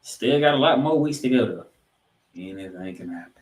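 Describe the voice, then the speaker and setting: On a sports podcast, a male host with a lowish voice delivers recap commentary at a moderate pace, his intonation lively as he punches out names and numbers among the stats. The room sounds roomy and echoing.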